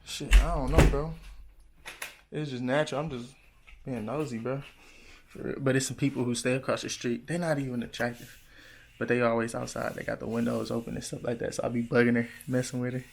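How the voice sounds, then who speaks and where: A young man in his twenties chats on in a relaxed vlog monologue. His voice sits at an ordinary middle pitch. He drifts between laid-back slang and sudden excited jumps upward. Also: fairly quick, gravelly, slight background noise. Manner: loose slangy talk with sudden excited high bursts. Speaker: vlogger. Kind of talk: casual rambling monologue.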